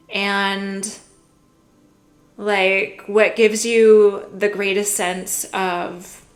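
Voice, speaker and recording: A young woman giving a casual tarot reading, musing gently and filling her talk with "like" and "you know". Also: mid-range voice. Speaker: tarot reader.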